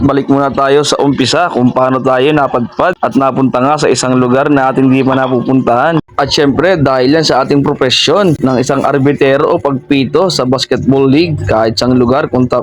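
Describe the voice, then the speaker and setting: Flat-toned man narrating a travel vlog. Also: mid-range voice. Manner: steady, even storytelling with repeated fillers. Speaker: vlogger and basketball referee.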